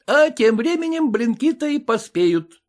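A man's voice: very high-pitched, sing-song, voice pushed up, exaggerated voice. A man voicing a middle-aged host at a pancake feast who fusses and coaxes his guests into another drink. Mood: coaxing. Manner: fussy, coaxing, hurried. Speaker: reader. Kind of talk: reading a classic comic story.

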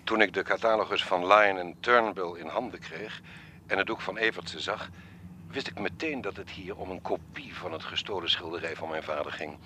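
In a radio drama, a male actor plays an elderly art collector in his seventies or older who is courteous and wistful, speaking in a formal, measured, reflective way. His voice sits low but sounds pushed and bright, with slight background noise.

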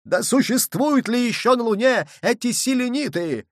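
A man reading an audiobook and voicing Nicholl, a contrary, quarrelsome captain who yells back at the others. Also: lively intonation, normal speed, dry recording, clean studio sound. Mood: yelling. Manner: contrary, yelling, high-pitched. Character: quarrelsome male captain, shrill when drunk. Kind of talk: audiobook character voice.

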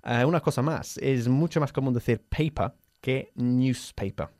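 A man's voice: medium pitch, unhurried, a little mellow, no echo, studio quality. A man teaching English, patiently correcting pronunciation and mixing with English. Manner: switches between Spanish and English. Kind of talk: language lesson drills.

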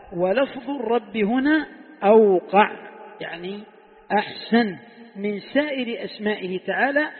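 A man teaching a religious text in a classroom lesson, explaining step by step and posing rhetorical questions to his students. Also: sits high. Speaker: sheikh teaching Quran commentary. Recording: tinny phone-like sound in an echoey hall.

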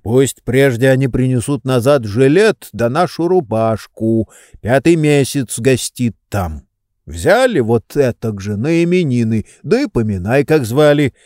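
A man voicing a grumpy, stubborn old male servant who answers curtly and gruffly, in an audiobook reading. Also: medium pitch, expressive, a little slow, darkish tone, no room sound, clean studio sound, natural voice. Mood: grumbling.

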